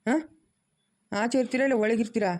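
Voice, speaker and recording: A man's voice: extremely high pitch, steady tone, a little fast, darkish tone. An actor in a family web drama playing a domineering man who scornfully orders his relatives out. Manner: scornful and commanding, barking orders. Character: domineering, insulting rural man throwing relatives out. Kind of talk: village family drama acting.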